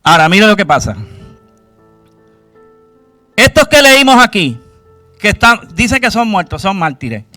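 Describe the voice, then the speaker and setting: A man's voice: sits high, very animated, measured pace, pauses often, bright, forceful tone, dry recording, faint music behind. A man preaching a sermon, questioning his congregation and acting out cries to God. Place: church.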